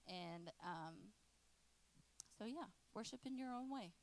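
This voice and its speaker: A woman's voice: medium pitch, slow, slight background noise, rough recording. A woman in her late twenties giving a casual, joking talk to a youth group as its youth pastor. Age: 20s. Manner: lively and joking, chatting with teens in the room.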